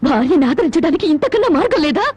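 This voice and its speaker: A woman's voice: extremely high pitch, big pitch swings, rapid-fire, a little mellow. An actress playing a wronged young wife in a film melodrama, bitter and reproachful, often tearful, with music under her lines.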